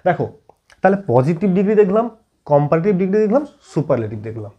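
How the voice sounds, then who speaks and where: A man from teaching an English grammar lesson, constantly checking whether students follow with quick questions. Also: sits high, very animated, breathy edge, highs cut off. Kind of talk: classroom-style video lesson.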